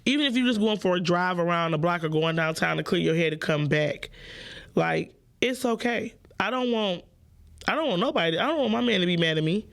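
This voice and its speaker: Gravelly, brash woman. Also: on the low side, lively intonation, brisk. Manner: blunt, brash, profane and playful, addressing listeners directly. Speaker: podcast host. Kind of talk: casual call-in podcast chat.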